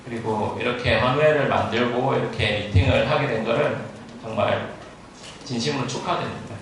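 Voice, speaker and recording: A man interpreting consecutively at a medical lecture, speaking haltingly, restarting phrases and dropping English terms into his sentences. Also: mid-range voice. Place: large echoing room at a talk. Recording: very echoey room, distant mic, faint noise.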